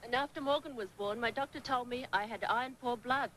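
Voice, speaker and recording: A woman's voice: a little high, fairly quick, fairly bright tone, a little hiss or hum, natural voice, rough recording. A woman playing an earnest, busy young mother sharing health advice in a TV commercial. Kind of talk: TV commercial acting.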